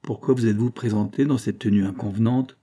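A man voicing a harsh, prim older spinster aunt in an audiobook reading, speaking in a rough, stern tone. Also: on the low side, steady tone, fast talker, mellow. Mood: severe.

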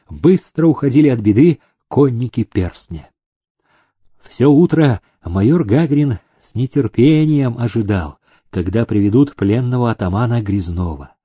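A man reading an audiobook story aloud, measured and expressive. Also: mid-range voice, slightly rough, dry recording. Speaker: audiobook reader. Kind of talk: scripted narration.

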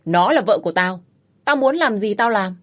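A brutal, bullying husband bellows curses in a raised, strained voice, as a woman reader puts him on. He is loud and threatening throughout this storybook reading. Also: low-pitched, animated, fast talker, husky, dry recording, exaggerated voice. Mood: shouting abuse. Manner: shouting, cursing, bullying. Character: violent, foul-mouthed abusive young husband.

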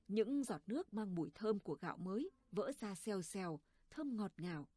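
A woman reading a village story aloud in a calm, unhurried manner. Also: medium pitch, no room sound, clean studio sound. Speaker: narrator. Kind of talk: storytelling narration.

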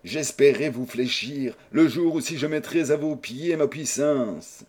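A man's voice: mid-range voice, unhurried, darkish tone, breathy edge, voice pushed up. A man reading aloud, voicing a proud, desperate husband who pleads fervently with his wife in a storybook. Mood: pleading. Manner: fervent, imploring.

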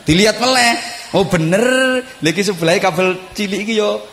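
Guy preaching, kinda high voice, jokey, does sound effects, keeps asking the crowd stuff. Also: brisk, vocal fry. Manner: animated, makes sound effects, rhetorical questions to the audience. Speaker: preacher at a public religious gathering. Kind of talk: humorous sermon to a crowd.

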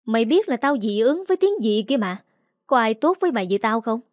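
Brief: woman reading as a scolding forties stepmother, scornful, nagging, slightly raised pitch, dry read. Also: very animated, a little fast, dry recording. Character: scolding middle-aged stepmother, sharp-tongued.

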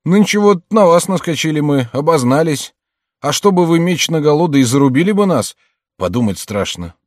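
A man's voice: on the high side, animated, normal speed, dry recording, studio quality, pitched above the performer's own voice, lightly acted. A man doing a whiny shamefaced ex-servant. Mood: plaintive. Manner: plaintive, rambling, sighing. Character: ashamed former male servant turned robber.

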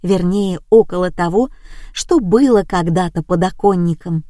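A woman narrating a story in the first person with an even, plain delivery on a close mic. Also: fairly low pitch, moderate pace, no echo. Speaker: audiobook narrator.

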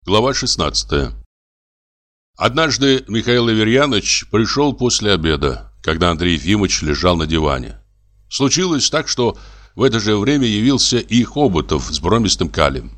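Male audiobook narrator, low voice, measured and expressive. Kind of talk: audiobook reading of classic fiction.

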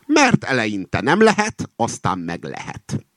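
A man voicing an anxious, conspiratorial male rooster in a fable reading, often hushed and whispering. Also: on the low side, huge pitch swings, dry recording, voice pushed up. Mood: earnest. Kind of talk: acted reading of a satirical fable.

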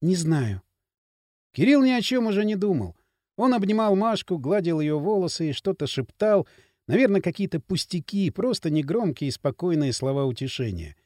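A man reading an audiobook in an expressive narration style. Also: no echo, studio quality. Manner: expressive reading with quick pitch swings. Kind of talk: scripted narration.

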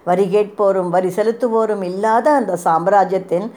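A woman reading a historical novel aloud in a measured, expressive storytelling voice. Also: medium pitch. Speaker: narrator.

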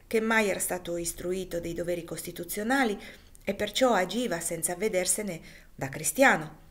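A woman reading a classic novel aloud with expressive, dramatic narration. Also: on the low side. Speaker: reader.

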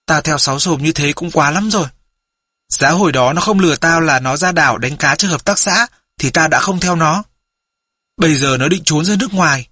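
A man's voice: fairly high pitch, normal speed, sharp tone, breathy edge, no room sound. A man voicing a remorseful teenage runaway boy in an audiobook, confessing in a heartfelt way. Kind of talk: audiobook character voice.

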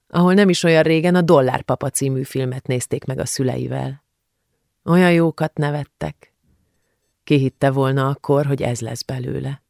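A woman narrating an audiobook in a calm, measured scripted reading. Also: sits low, no echo, studio quality.

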